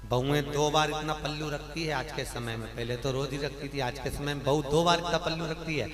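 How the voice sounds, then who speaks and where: A male preacher giving a storytelling sermon, teasing and animated, at a live discourse in a large hall. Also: a little high, fairly quick. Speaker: preacher telling a religious story. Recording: echoey hall with music.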